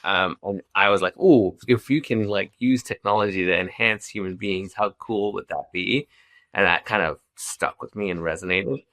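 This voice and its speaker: A man's voice: low-pitched, normal speed, a bit bright, dry recording, studio quality. A middle-aged man from Zambia, a company founder talking casually as a podcast guest, with many restarts and fillers. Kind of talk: casual interview chat.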